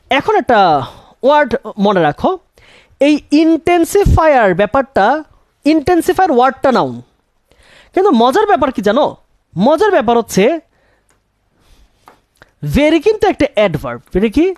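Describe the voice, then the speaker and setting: A young man teaches an English grammar lesson in classroom style, quizzing his students and then answering his own questions while repeating key words. His voice is very high and sing-song, rising and falling a lot, at a normal speed with long pauses. The sound is dry and close, with no echo or room around it.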